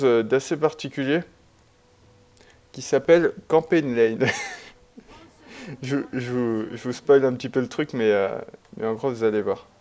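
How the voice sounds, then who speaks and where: In a mid-range voice, a man offers relaxed, chatty commentary on a replay of an online game he played, with lots of fillers and false starts.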